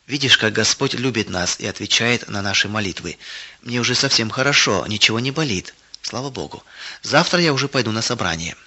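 A devout older woman speaks gently and soothingly in a storybook reading, voiced by a man. The tone is bright, and the recording sounds slightly dull. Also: on the low side, lively intonation, brisk, slightly rough, full character voice. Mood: gentle.

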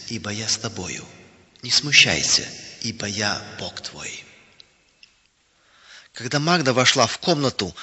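A man calmly narrating a children's story in a steady, even reading voice. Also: medium pitch. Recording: dull lo-fi recording.

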